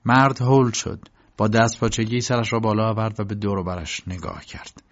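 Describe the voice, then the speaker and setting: A man narrating an audiobook in a measured storytelling manner. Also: lowish voice, steady tone. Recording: dull lo-fi recording.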